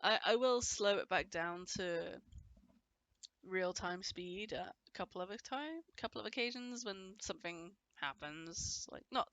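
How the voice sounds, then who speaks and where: Her voice lowish and fairly bright, this gameplay commentator rambles chattily through a casual let's-play, frequently starting her sentences over. She has a cold that leaves her voice a bit off. The recording has no echo but sounds muffled.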